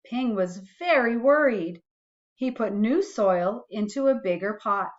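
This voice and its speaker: A woman reading a children's storybook aloud expressively, adding musing asides to young listeners in a deliberate way. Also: fairly high pitch, lively intonation, lo-fi sound.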